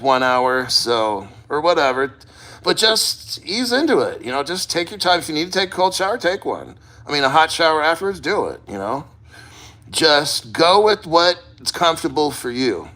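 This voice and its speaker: Male vlogger, fairly high bright voice, loose rambling delivery, blunt and sweary, casual first-person talk. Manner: rambling, plain-spoken, profane. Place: sitting in a cold plunge.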